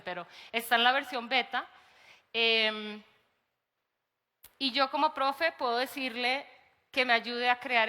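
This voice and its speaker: Bright-voiced Colombian woman in a hall. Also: fairly high pitch. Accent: Colombian Spanish. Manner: lively, animated storytelling with acted quotes and laughs. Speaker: conference speaker, teacher. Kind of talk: conference talk. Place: large conference hall.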